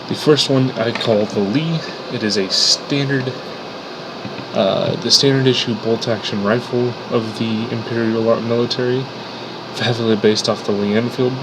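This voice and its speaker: A sick, congested man with a medium-pitched voice casually explains his 3D weapon models, unscripted and full of fillers and restarts. The background is noisy.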